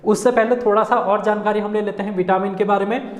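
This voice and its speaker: A man's voice: high-pitched, fairly even intonation, quick pace. A man teaching an exam-prep class in a chatty, casual way, often calling his students friends. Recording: echoey room with long reverb.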